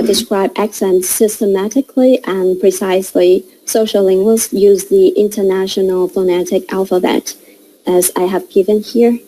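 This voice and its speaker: A young woman giving a classroom presentation, explaining in a halting way with pauses. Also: mid-range voice, mellow, slight background noise, rough recording. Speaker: student presenter.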